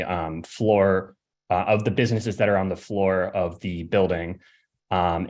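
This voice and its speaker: A young man from Connecticut giving a hesitant public comment at a city hearing over a remote call, with many fillers and throat clearing. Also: fairly low pitch. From Connecticut, USA. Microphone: remote call audio.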